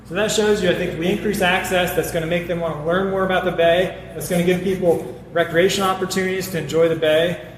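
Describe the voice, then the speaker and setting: A man's voice: high-pitched, steady tone. Earnest man speaking in an echoey hall. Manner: earnest, fast, with restarts. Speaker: city council candidate. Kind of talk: debate speech. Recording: echoey hall with faint noise.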